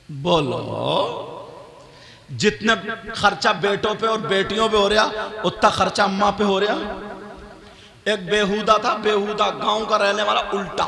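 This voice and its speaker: A man giving a sermon to a live crowd, trading quiet joking asides for shouted, sung-out lines and demanding answers from the listeners. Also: high-pitched, gravelly. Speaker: preacher. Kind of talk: Islamic sermon with storytelling. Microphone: handheld or stand mic on stage. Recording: echoey live stage sound with crowd.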